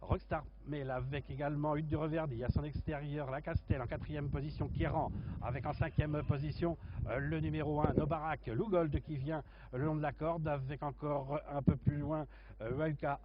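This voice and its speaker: A man giving live horse racing commentary, haltingly listing the runners in order. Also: on the high side, fairly even intonation. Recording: muffled, noisy racecourse commentary feed.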